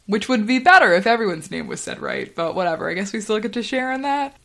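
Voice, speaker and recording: A young woman hosting a podcast, telling casual stories in a chatty voice full of fillers and quick laughs. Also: mid-range voice, huge pitch swings, fairly bright tone. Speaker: podcast host. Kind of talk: casual storytelling monologue.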